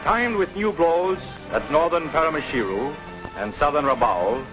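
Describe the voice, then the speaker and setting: A man giving dramatic, emphatic narration for an old 1940s newsreel, with the sound of an old newsreel. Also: on the high side. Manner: dramatic, emphatic announcer delivery. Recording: dull lo-fi 1940s film soundtrack with loud music.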